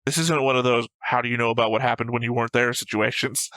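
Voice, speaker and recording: Speaking quickly in a sharp, steady mid-range voice, the man co-hosts an anime reaction show and plainly argues and picks apart points in casual debate. There's no echo, though the audio is poor.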